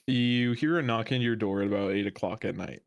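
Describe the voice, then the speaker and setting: Low-voiced man narrating as game master. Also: a little fast, creaky, no room sound. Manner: calm descriptive narration.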